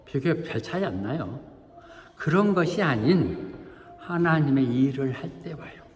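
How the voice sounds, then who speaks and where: Male pastor, animated conversational sermon, long church-hall reverb. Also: medium pitch, measured pace, slight background noise. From Korea. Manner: lively, chatty preaching with asides to the congregation and playful acted quotes.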